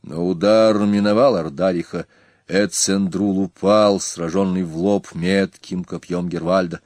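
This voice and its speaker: Low-voiced man reading a historical tale. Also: measured pace, no room sound. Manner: dramatic, expressive reading. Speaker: narrator. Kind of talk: audiobook narration of a historical tale.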